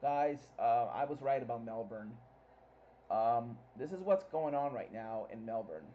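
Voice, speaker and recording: A man hosting informal live hurricane coverage, excitable and emphatic, repeating himself as he gives updates. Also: mid-range voice, unhurried. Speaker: livestream host covering a hurricane. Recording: muffled lo-fi audio with faint noise.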